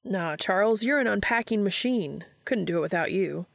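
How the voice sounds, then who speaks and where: A woman's voice: medium pitch, lively intonation, normal speed, gravelly, no room sound. A woman reading aloud and voicing a joking, easygoing young man in close to her own voice. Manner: joking, casual.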